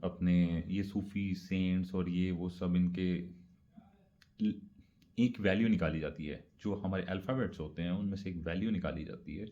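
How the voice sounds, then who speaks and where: Man, low mellow voice, casual explainer, repeats points, dull lo-fi recording. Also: fairly even intonation. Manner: conversational, repeats points, mixes English words. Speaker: speaker explaining religious practice. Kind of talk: casual religious explainer talk.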